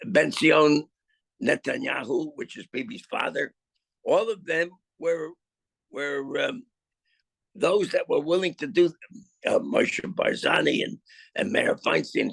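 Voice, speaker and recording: An older man telling his own story in a video-call interview, halting with many restarts and repeated words, then landing his points emphatically. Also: on the high side, gravelly, fairly bright tone, breathy edge, no echo. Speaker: film subject interviewed about his life.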